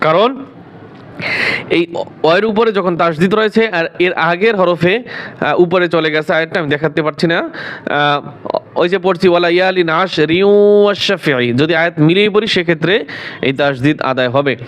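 A man teaching Quran recitation, explaining the rules quickly and then reciting the verses slowly and drawn out. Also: fairly high pitch, fairly bright tone. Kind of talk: step-by-step recitation lesson.

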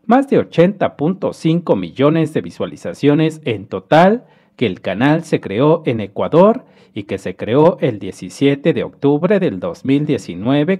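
A man's voice: a little high, a little mellow. A man from Mexico with a Mexican Spanish accent, hosting a screen-recorded commentary and explaining figures to viewers in a friendly way. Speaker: host.

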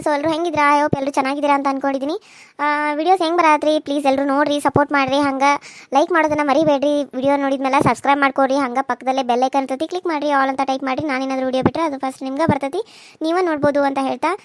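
Woman channel host, North Karnataka accent, quick and chatty, very high voice, dry close mic. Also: dry recording. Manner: quick, chatty, mixes in English. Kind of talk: channel outro.

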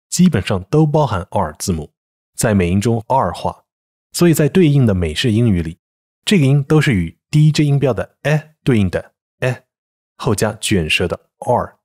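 A man teaching English pronunciation in a calm, steady scripted voice-over, slowly demonstrating example words. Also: medium pitch.

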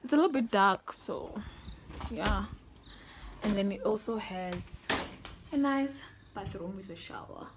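A woman's voice: medium pitch, a little slow, long pauses, noisy background. A young woman casually narrating a house tour on a handheld phone, chatty and easily delighted, gushing over each room. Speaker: vlogger. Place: holiday lodge, indoors. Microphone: handheld phone camera.

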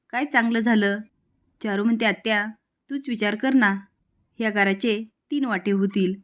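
A woman recounting a TV serial episode, reading each character's lines in her own voice. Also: mid-range voice.

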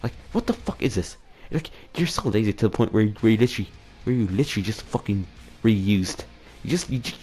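A man's voice: on the low side, a little mellow. A man hosting a casual year-in-review vlog, rambling, swearing and mocking himself, tagging "dude" onto nearly every sentence. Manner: rambling, profane and self-mocking, keeps saying "dude". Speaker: channel host.

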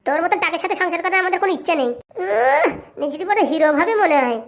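A woman's voice: extremely high pitch, lively intonation, very fast. A woman voicing a quarrelsome, greedy wife in a cartoon, scolding and hurling insults. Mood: angry.

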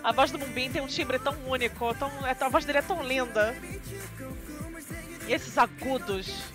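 A woman's voice: high voice, steady tone, quick pace. A woman, gushing and tearful as she talks viewers through a music video reaction. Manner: emotional, gushing, addresses viewers directly. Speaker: kpop reaction vlogger. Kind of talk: casual reaction commentary.

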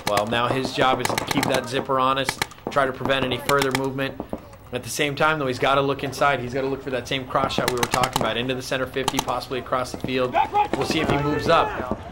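A man's voice: medium pitch, level tone, fast. Analytical male paintball commentator. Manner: analytical, explains tactics. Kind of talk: sports commentary. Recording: loud outdoor noise.

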